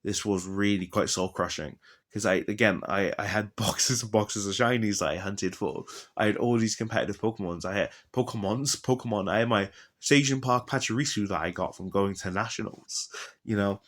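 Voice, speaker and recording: A young gaming vlogger with a fairly low voice rambles casually and enthusiastically about his old video games at normal speed, filling his talk with fillers and asides.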